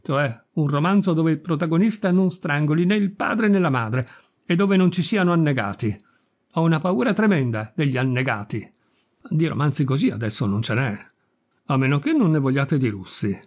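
A demanding, capricious old countess barks orders and complains in a raised, slightly husky voice, as a male reader puts her on. She sounds peevish and imperious throughout, her lines clipped and commanding. It is a reading of a classic story. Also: fairly high pitch, expressive, moderate pace. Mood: querulous.

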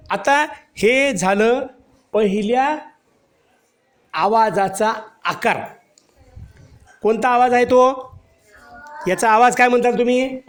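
Patient male teacher drilling young pupils. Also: sits high. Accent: Marathi. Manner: patient, repeats questions and answers to children. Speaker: primary school teacher. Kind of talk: classroom teaching of first-grade children.

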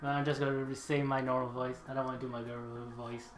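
A man's voice: medium pitch, flat delivery, quick pace. Male gaming host, casual play-along commentary, roomy echo, faint music underneath. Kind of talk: casual game commentary with dialogue reading.

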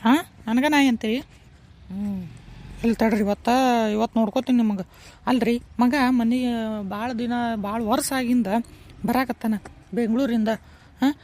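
Cartoon role: a woman doing a fussy village mother with a North Karnataka Kannada accent, high and scolding. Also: measured pace, pauses often, darkish tone. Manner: scolding and nagging. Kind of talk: cartoon voice acting.

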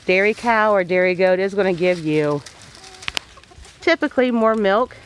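A woman's voice: medium pitch, moderate pace, a little hiss or hum, poor audio. A woman homesteader giving a casual voice-over, plain-spoken and folksy with homey farm phrasing.

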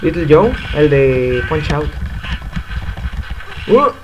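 A man's voice: on the high side, very animated, very slow, muffled recording, background noise. A young man with a Mexican Spanish accent commenting casually on a fighting game as he plays, swearing in frequent outbursts. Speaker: gamer. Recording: game music loud behind voice.

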